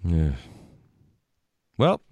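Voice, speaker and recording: A man hosting a podcast, wrapping up the episode in relaxed, wry banter. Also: drawn-out words, no room sound. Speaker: podcast host. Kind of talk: casual podcast outro.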